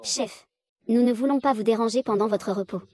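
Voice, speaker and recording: A woman's voice: a little high, normal speed, darkish tone, dry recording, clean studio sound. A woman reading the dialogue of a dubbed drama, voicing every part in the same unchanging voice. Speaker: voice-over reader of a drama recap.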